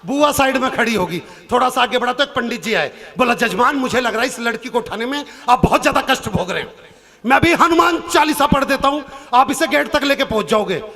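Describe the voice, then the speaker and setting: A man telling a comic story on stage at a poetry gathering. He acts out the characters and shouts some of their lines. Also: very high-pitched, expressive, fairly quick. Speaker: stage poet. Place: outdoor stage event with audience laughter.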